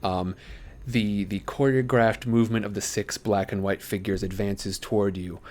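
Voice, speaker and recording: A man's voice: lowish voice, fairly even intonation, moderate pace, a little mellow. A man running a tabletop game as game master, improvising narration and thinking aloud hesitantly for his chat.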